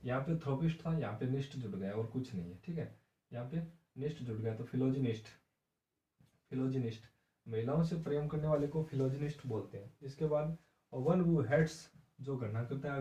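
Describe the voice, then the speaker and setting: A man teaching a vocabulary lesson for exam preparation, explaining slowly, spelling words out letter by letter and checking in with his students. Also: mid-range voice, warm tone, distant mic. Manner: repeats key terms and checks with "theek hai". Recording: dull roomy classroom sound from off-mic.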